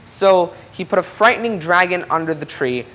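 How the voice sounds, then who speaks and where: A storybook reader presents a children's picture book in a mid-range voice at normal speed, expressive and explanatory, addressing young listeners with questions and asides. The audio is poor, with some noise behind the voice.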